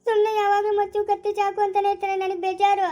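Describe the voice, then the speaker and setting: A woman with a Chikkaballapura Kannada accent playing an upset young bride in a family home drama skit, talking in a high, insistent, complaining way. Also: monotone, fast talker, dark tone.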